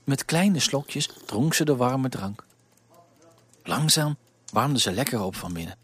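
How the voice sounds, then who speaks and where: A man reading a children's story aloud in a gentle, expressive way. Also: mid-range voice, takes it slowly, breathy edge, dry recording.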